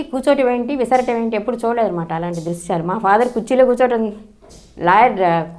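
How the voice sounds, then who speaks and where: A woman, telling a personal memory in an earnest, storytelling way. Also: mid-range voice. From Andhra Pradesh, India. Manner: fast, earnest storytelling with frequent restarts. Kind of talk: personal reminiscence.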